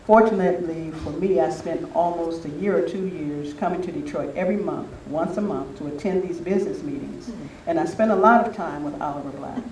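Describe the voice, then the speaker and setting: An older man recounts memories in a conversational, anecdotal talk to a group at a spiritual retreat. His voice is a little high and a little mellow, and he speaks fairly quickly with few pauses. The mic sits at a distance in a roomy space, picking up faint noise.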